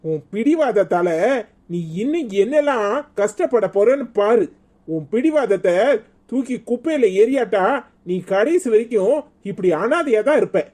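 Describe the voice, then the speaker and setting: A man's voice: extremely high pitch, animated, moderate pace, warm tone. A man voicing a hot-tempered, insistent estranged husband in a cartoon comedy, speaking Tirunelveli Tamil in a pleading yet stern way.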